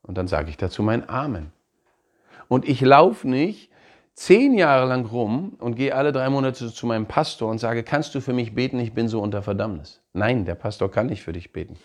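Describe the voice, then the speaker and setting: A man preaching a sermon in an animated way, laughing now and then and acting out quoted voices. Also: medium pitch, normal speed. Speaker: pastor.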